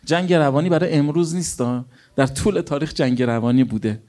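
A man's voice: on the high side, a little mellow. A middle-aged man, a cleric, preaching a sermon with anecdotes told as quoted dialogue and rhetorical questions to his listeners.

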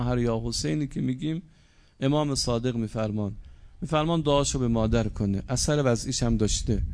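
A man preaching a Muharram night sermon to a mourning gathering. He starts soft and measured and builds to impassioned pleading, with repeated rhetorical questions. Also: medium pitch, gravelly.

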